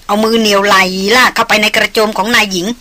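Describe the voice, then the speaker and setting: A woman narrating a novel as an audiobook in a steady, measured reading. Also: medium pitch.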